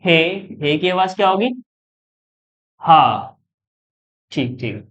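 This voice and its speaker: A man's voice: high voice, lively intonation, moderate pace, fairly bright tone, lo-fi sound, slight background noise. A man teaching an exam-prep lesson as a tutor, patiently repeating each point and answering his own questions.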